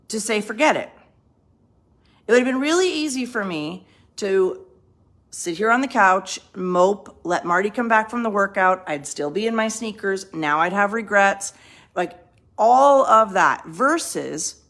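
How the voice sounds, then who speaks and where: A woman's voice: mid-range voice, creaky, fairly bright tone. A woman vlogger talking casually to camera from home, chatty and rambling, often checking in with "right?". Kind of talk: casual motivational talk to camera. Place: home, on the couch.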